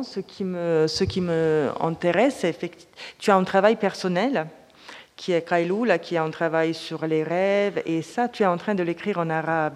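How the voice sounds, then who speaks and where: A moderator poses questions haltingly, restarting often. The voice is of middle pitch. It carries a long hall reverb. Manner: hesitant, many restarts, questioning. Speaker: panel moderator. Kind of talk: moderating a panel discussion.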